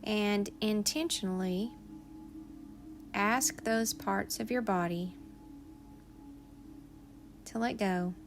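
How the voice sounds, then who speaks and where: Soft music plays behind a woman with a mid-range voice as she leads a guided meditation, soothing and unhurried, pausing at length between phrases.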